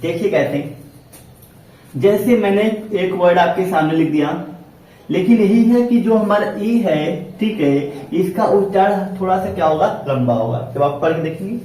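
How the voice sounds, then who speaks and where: A male teacher explaining English pronunciation to a class, repeating himself, asking questions and answering them, sometimes stretching his words slowly. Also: sits high, warm tone. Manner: repetitive, asks and answers his own questions. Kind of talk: classroom lesson. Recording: echoey classroom from far off.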